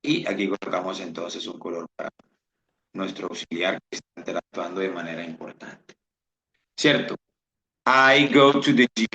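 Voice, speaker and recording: A male English teacher, giving a bilingual lesson and slowly repeating example sentences aloud. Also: deep voice, creaky, bright, forceful tone. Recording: roomy, dull lo-fi sound.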